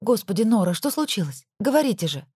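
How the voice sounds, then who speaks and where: A frantic, pleading young woman from a storybook, her voice pushed up high and tight with alarm, as a woman narrator puts her on. The sound is close and dry, with no room around it. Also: sing-song, fast, darkish tone, husky, no echo. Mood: anxious. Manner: urgent, pleading.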